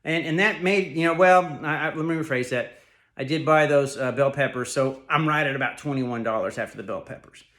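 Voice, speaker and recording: A man in his thirties filming a casual cooking vlog in his home kitchen, out of breath from working out and talking in a relaxed, rambling way with fillers and self-corrections. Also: a little high, brisk. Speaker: fitness vlogger.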